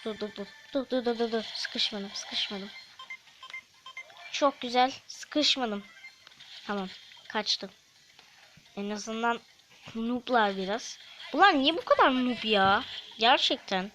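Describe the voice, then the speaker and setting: A woman with a somewhat high voice talks through her game as she plays. She chats with viewers and snaps at opponents. A faint hiss of noise sits under the recording. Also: fairly bright tone, rough recording. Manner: chatty, quick to snap at opponents. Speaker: gaming channel host. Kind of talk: game commentary.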